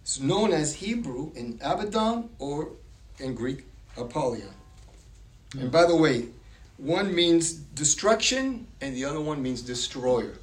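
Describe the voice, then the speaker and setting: A man teaching a Bible study group in a casual way, reading verses aloud and acting out a story with lively voices. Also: on the high side, unhurried, reverberant, distant mic. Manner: animated, acts out quoted voices in a story.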